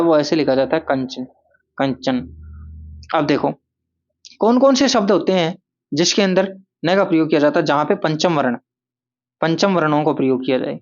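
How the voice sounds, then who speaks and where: Man teaching grammar, repeating words slowly. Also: high-pitched, lo-fi sound. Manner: repeats words slowly, asks and answers his own questions. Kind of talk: classroom-style grammar lesson.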